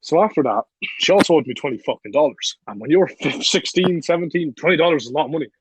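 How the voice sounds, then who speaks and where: A man's voice: on the high side, expressive, fast, husky, no echo. A young man in his late teens, a podcast guest telling a story casually, blunt and profane, laughing as he talks. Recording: dull lo-fi, dry recording.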